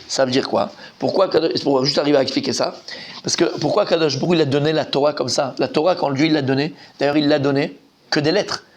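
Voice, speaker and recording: Animated rabbi teaching. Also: male voice, on the high side, fast talker, slight background noise. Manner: lively, animated, asks students questions, repeats himself. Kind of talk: informal Talmud class.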